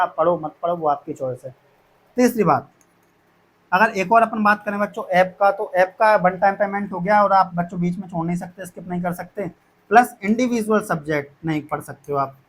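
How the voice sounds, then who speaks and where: A man with a notably high-pitched voice speaks to his students like a teacher. He explains plans step by step, often circling back and repeating himself to reassure them. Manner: repetitive, reassuring, addresses students as kids. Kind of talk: explaining course fees to students.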